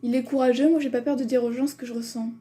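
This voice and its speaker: A woman's voice: high voice, steady tone, racing, mellow. A woman vlogger chatting casually as she reads quiz questions aloud, giggling and making self-mocking asides. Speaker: vlogger doing a fan quiz.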